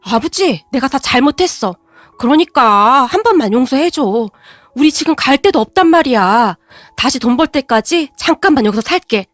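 A woman's voice: sits high, animated, normal speed, dry recording. A woman voicing a desperate husband who clings and begs in a whining tone, in a storybook narration. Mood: pleading. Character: pleading, begging husband in his thirties.

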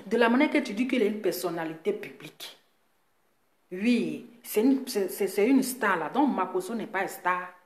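A woman's voice: mid-range voice, expressive, normal speed. A woman giving a ranting live commentary indoors, scolding and firing off repeated rhetorical questions. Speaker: online commentator. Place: indoors in a residence. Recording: echoey room.

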